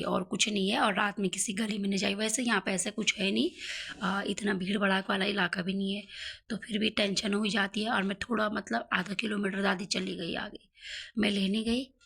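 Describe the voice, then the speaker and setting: A young woman from Uttarakhand, speaking Hindi with an Uttarakhand accent, chatting through a story in a casual home vlog, with lively asides throughout. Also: mid-range voice, creaky. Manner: chatty, animated retelling with many asides. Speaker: vlogger.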